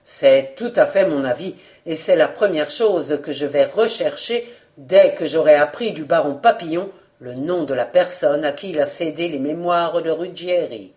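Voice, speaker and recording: A reader voicing a shrewd, warm, confident detective in an audiobook, speaking in an assured, fatherly, emphatic way. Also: medium pitch, normal speed, lightly acted. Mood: cheerful. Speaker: detective in a novel. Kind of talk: audiobook character reading.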